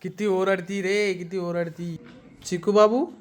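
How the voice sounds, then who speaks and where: A man's voice: sits high, level tone, takes it slowly, shouting, very noisy. A young man vlogging casually at home, teasing his family and chatting straight to his viewers. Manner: playful, teasing, addresses viewers directly. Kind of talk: casual family vlog chat.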